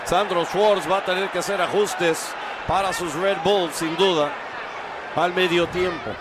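Delivering live play-by-play of a soccer game, this commentator has a high-pitched, steady voice and an unhurried pace. He's in an open-air stadium, and the noisy broadcast picks up crowd chants and the surrounding stadium ambience.

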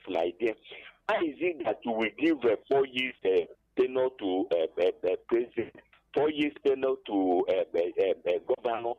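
An older Nigerian man rings in over a muffled, lo-fi phone line, his voice gravelly and swinging widely up and down. He hesitates through long fillers, then presses his complaints with growing emphasis. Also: mid-range voice, dry recording. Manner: hesitant, many drawn-out fillers, rising to emphatic protest. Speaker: caller. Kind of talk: radio call-in complaint.

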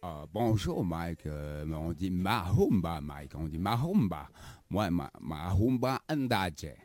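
A man voices a silly, boastful African visitor to Canada for a comedy interview sketch, giggly and playfully bragging while he keeps saying the host's name and appending filler tags. He speaks low and slowly, expressive, with a darkish tone and a dry recording.

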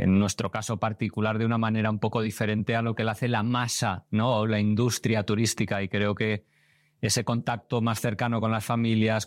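A man interviewing a guest in a relaxed, colloquial way. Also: lowish voice, no echo, clean studio sound. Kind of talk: casual conversational interview.

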